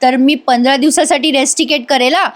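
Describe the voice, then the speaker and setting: A woman's voice: high voice, steady tone, a little fast, close to an everyday voice. A woman voicing a strict, impatient male college professor who scolds a student. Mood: scolding.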